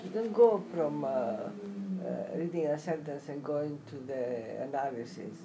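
A woman's voice: deep voice, a little slow, background noise. A woman in casual conversation, insisting and scolding as her partner reads a poem aloud. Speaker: listener, reading partner. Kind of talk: casual chat.

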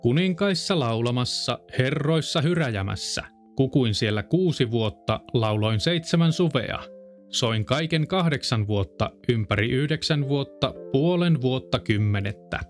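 A man's voice: medium pitch, expressive, soft background music, lightly acted. A man voicing a proud, boastful male rooster who chants his verses in a fairy-tale reading. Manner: boastful, crowing sing-song verse.

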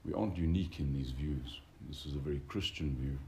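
A man with an extremely deep, mellow voice delivers a reflective, unscripted lecture. His phrasing is donnish and formal, with searching academic hesitations. The room is echoey. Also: brisk, gravelly. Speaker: religious teacher lecturing a group. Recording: roomy echo with background noise.

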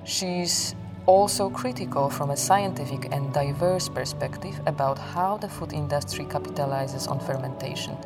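Low-pitched female podcast host, earnest scripted intro, music playing loud underneath. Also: normal speed.

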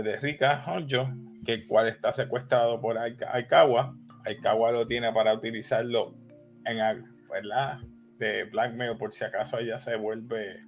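A man, co-hosting a casual anime discussion, talking in an excitable, rambling way and dropping in English words. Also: medium pitch. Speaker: co-host.

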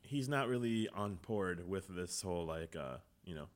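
A man co-hosting a casual sports podcast, relaxed, reading out quotes and chuckling. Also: low-pitched, normal speed. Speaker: podcast co-host.

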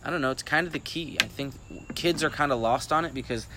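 Laid back dude hosting a podcast, medium voice, asks questions, a little hiss in the background. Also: male voice, mid-range voice, fast talker. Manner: easygoing, asks probing questions. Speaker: podcast host. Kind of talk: casual chat.

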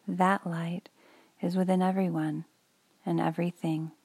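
A woman guiding a meditation for children in a soft, breathy, whispery voice. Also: on the low side, flat delivery, no echo. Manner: soft whispery delivery, slow and soothing. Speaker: meditation guide.

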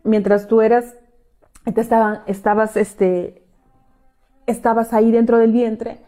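A woman's voice: on the high side, level tone, measured pace, mellow, faint music behind. A woman leading a live-streamed emotional coaching talk, reading out viewer comments and pressing her audience with repeated, intense questions.

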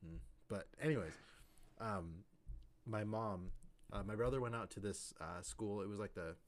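A man with a very deep, low voice tells a rambling story over a podcast chat. He keeps circling back with fillers and "like" as he goes. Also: moderate pace. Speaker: podcast co-host.

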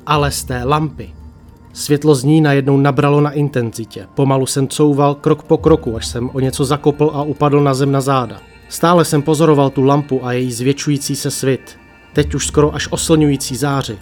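A man reading a first-person horror story aloud, slow and hushed, with long dramatic pauses. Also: mid-range voice. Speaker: narrator. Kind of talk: creepypasta narration. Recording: faint music bed.

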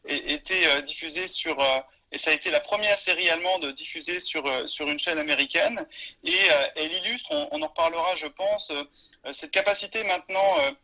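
A man, a history professor, answering interview questions in a halting way with many fillers and restarts. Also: a little high, bright, forceful tone, poor audio.

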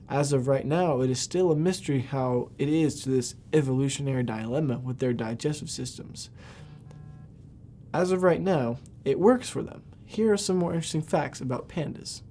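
A man's voice: mid-range voice, warm tone, a little hiss or hum. A man hosting a podcast, reading scripted science facts aloud and occasionally stumbling over words. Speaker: podcast host.

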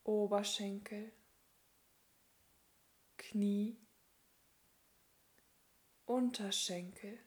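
Leading a guided yoga relaxation, this instructor uses a mid-range voice. Her delivery is calm and soothing, built from brief phrases separated by long silences.

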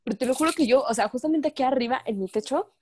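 A young woman with a Mexican Spanish accent, chatting casually with friends and telling stories in a slangy, animated way. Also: sits high, quick pace, breathy edge, no room sound. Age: young adult. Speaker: student. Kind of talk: casual chat among friends.

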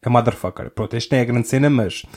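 Talking fast in a mid-range, slightly mellow voice, a young European Portuguese-accented man runs his podcast as a rambling comic monologue. He cuts himself off often and laughs a lot.

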